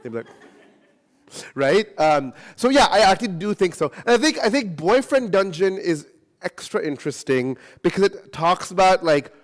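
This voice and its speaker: A man speaking at a convention panel, answering audience questions in an animated, casual way and often adding tag questions. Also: sits high, normal speed. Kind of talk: casual Q&A talk. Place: convention hall.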